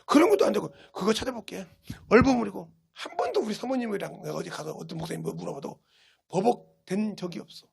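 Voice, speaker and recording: A middle-aged male pastor from South Korea, preaching emphatically and swinging between loud bursts and hushed asides. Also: sits high, very animated, fast talker, gravelly, slightly rough. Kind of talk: sermon.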